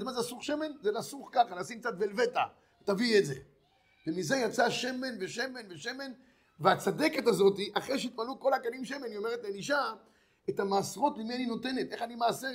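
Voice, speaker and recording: A man preaches in a high, bright voice. He tells his lesson as a lively story and slips into the voices of its characters as he goes. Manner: animated storyteller who acts out the dialogue of characters. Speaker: rabbi giving a Torah lesson. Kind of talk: storytelling sermon.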